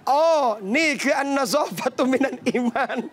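An Islamic preacher from southern Thailand delivers a lively sermon to a live audience in a cafe hall. His voice is high and brisk, and he tells stories animatedly, calling his listeners brothers and sisters.

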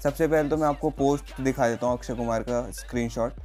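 Young male vlog host, easygoing and talkative, ordinary mid-range voice over soft background music. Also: medium pitch, fairly even intonation, fast talker. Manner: chatty, addresses viewers as guys, frequent filler sounds. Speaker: tech channel host. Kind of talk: casual vlog talk.

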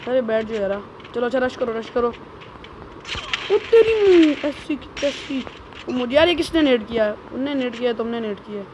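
A woman streamer giving excited gameplay commentary, teasing teammates and shouting quick calls. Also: fairly high pitch. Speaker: gaming streamer. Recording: noisy game stream audio.

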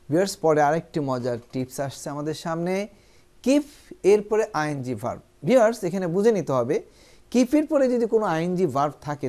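A teacher giving a spoken English lesson, explaining each point to the viewers and then reading English example sentences slowly and carefully. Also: mid-range voice, a little mellow. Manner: addresses viewers directly and often.

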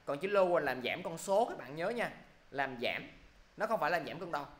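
A man teaching an online English class, brisk and scolding as he quizzes students. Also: fairly high pitch, lively intonation.

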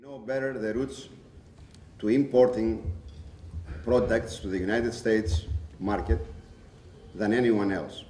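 A man's voice: fairly low pitch, steady tone, takes it slowly, pauses often, warm tone. An older man moderating a panel and formally introducing each speaker to the audience. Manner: formal, emcee-style introductions. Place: large restaurant function room. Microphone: table mic on a stand, camera at a distance. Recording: roomy, distant, faint room noise.

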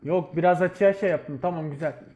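A man leading his team, shouting quick commanding callouts during a match. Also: a little high, highs cut off. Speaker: team leader and streamer. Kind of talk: live game commentary and callouts.

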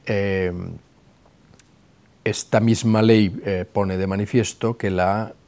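A middle-aged man giving a formal talk to camera from his office, speaking in a measured way with frequent hesitations, on a lapel mic. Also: fairly low pitch, fairly even intonation, darkish tone, clear, resonant tone. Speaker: director of a memorial institution, giving a talk. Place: office with a flag behind him.

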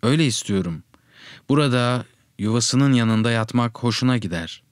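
A man's voice: mid-range voice, animated, normal speed, clean tone, dry recording, studio quality, close to an everyday voice. Man reading as a tender-hearted grieving boy. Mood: earnest. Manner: pleading, earnest, rising to shouts.

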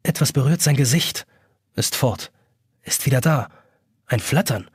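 A man's voice: medium pitch, expressive, a little slow, breathy edge, no echo, studio quality. A man reading an audiobook as narrator, telling the story expressively. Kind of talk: scripted narration.

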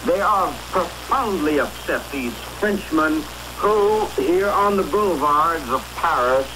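A man's voice: on the high side, lively intonation. Grave man reporting on an old newsreel. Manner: grave, halting, slow delivery. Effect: old newsreel-style 1960s broadcast sound. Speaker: foreign correspondent. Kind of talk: live radio news report. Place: outdoors on a city boulevard. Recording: hissy 1960s radio broadcast.

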